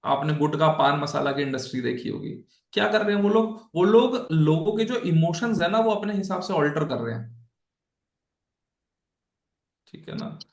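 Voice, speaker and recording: Gravelly, echoey man teaching. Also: a little high, lively intonation, normal speed, long pauses. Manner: conversational, checks in often with the listeners; mixes English phrases into his talk. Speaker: Bhagavad Gita teacher. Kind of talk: casual online lesson.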